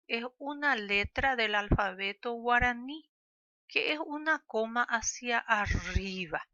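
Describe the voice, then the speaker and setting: A woman teaching a language lesson, speaking slowly and clearly and drawing out sounds for pupils to repeat. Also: a little high, bright, forceful tone, no room sound, highs cut off.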